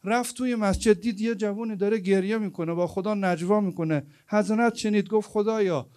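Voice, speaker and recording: A man with a high voice preaches to an evening gathering. He tells stories with sharp emphasis, then drops to hushed asides. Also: steady tone, clean tone. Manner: emphatic, swings between loud stresses and hushed asides. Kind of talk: storytelling sermon.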